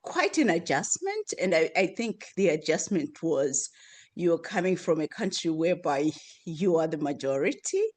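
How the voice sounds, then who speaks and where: A woman in her fifties from Zimbabwe, a guest in an interview, soft-spoken and laughing often, with many pauses and ums. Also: low-pitched, very animated. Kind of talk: interview conversation.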